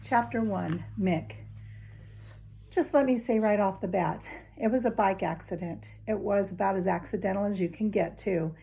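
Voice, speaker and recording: A woman reads a children's novel aloud, telling it in a friendly, conversational first-person way straight to young listeners. Her medium-pitched voice is warm, creaky and slightly rough, at normal speed.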